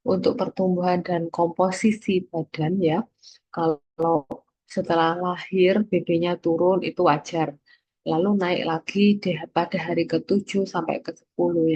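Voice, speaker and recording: Husky-voiced woman lecturer, muffled audio. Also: on the low side, a little mellow, no echo. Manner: explains step by step, checks in with frequent "ya". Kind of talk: recorded lecture on nutrition.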